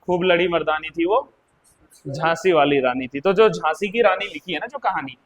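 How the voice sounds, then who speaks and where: A man's voice: a little high, normal speed, a crowd in the background. A man with an Uttarakhand Hindi accent teaching a live exam-prep class, explaining by repeating words and asking his students questions.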